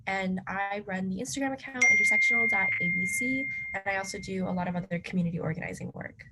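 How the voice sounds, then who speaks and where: A woman's voice: medium pitch, fast talker, heavy background noise. A young woman, a first-year college student, answering interview questions casually with many "like" and "um" fillers. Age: young adult. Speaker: student activist guest.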